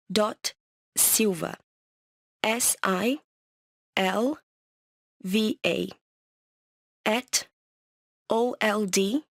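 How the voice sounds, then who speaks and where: A woman's voice: medium pitch, dry recording, studio quality. A woman playing a polite business caller leaving a voicemail, speaking carefully as in a scripted English listening exercise. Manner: leaving a voicemail, careful dictation, spelling things out.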